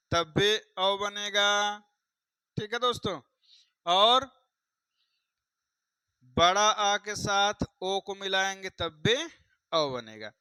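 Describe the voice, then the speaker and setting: A man's voice: high voice, bright, forceful tone, clean tone, dry recording, rough recording. A man teaching a grammar lesson for exam students, repeating each point and putting questions to his viewers. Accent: Hindi. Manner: repeats points, quizzes viewers, addresses them as friends.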